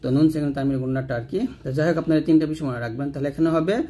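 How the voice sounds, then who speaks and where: A man teaches tajweed. He explains each rule patiently, repeats the letter lists, and stretches the example words into slow chanted recitation. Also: on the high side, steady tone, warm tone.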